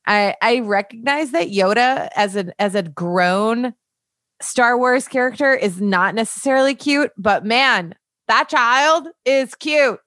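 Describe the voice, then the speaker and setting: A woman's voice: fairly high pitch, a little slow, fairly bright tone, dry recording. A woman hosting a podcast, chatting playfully and laughing easily. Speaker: podcast host. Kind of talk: casual podcast chat.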